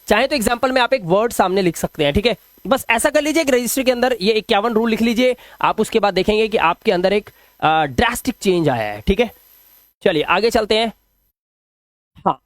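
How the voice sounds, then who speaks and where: A man teaching English pronunciation rules in a classroom-style explanation, asking questions and answering them himself, and drawing out sample words slowly. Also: very high-pitched, no room sound.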